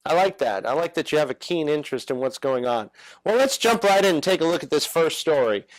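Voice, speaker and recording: A man's voice: a little high, expressive, no echo, rough recording. A man hosting a political talk show, stopping often with "uh" between phrases. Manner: halting, many "uh" fillers.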